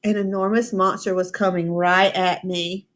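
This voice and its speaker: A woman teacher reading a storybook aloud to children, pausing to ask them questions and explain words. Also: mid-range voice. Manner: expressive, asks the children questions, slow and patient. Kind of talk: storybook read-aloud with class discussion.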